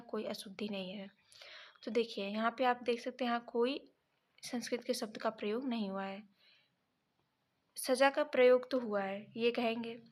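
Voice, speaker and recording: A woman teaching an exam prep lesson, reading each option and then correcting it step by step, sometimes pausing to check her notes. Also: on the high side. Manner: pauses to check notes mid-sentence.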